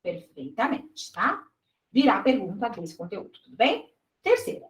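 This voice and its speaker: A woman's voice: mid-range voice, sing-song, moderate pace, echoey room, rough recording. A woman teaching an exam-prep lesson in Brazilian Portuguese. She explains step by step and keeps checking in with her students. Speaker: teacher reviewing exam questions.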